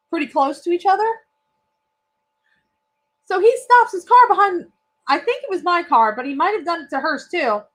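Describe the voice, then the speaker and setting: A young woman telling a story in casual podcast chat, animated and profane, laughing often. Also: extremely high pitch. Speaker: podcast co-host.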